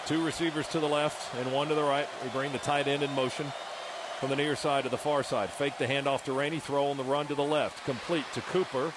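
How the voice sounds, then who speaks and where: A man's voice: medium pitch, fairly even intonation, fairly quick. An American man doing live radio play-by-play of football, giving touchdown calls in a clipped running description of each play. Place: open stadium broadcast booth. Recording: loud stadium noise behind broadcast voice. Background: loud stadium ambience.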